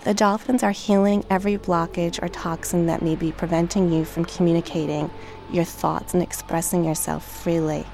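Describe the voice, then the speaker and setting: A woman narrating a guided meditation in a calm, gentle, measured and soothing way. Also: on the low side, creaky. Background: relaxation track with music, dolphin and water sounds.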